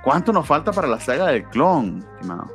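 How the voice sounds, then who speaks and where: A man co-hosting a casual comics podcast, rambling and filling pauses with hesitations. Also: fairly high pitch, very animated, soft background music. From not from Mexico, now naturalizing. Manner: rambling, many "este" fillers. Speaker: podcast co-host. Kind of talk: casual chat about comics.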